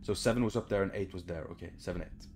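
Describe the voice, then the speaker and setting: Racing along in a deep, slightly mellow voice, a young man talks over his gameplay with soft music in the background. The gaming video creator swears casually and keeps it informal, recording in a small bedroom.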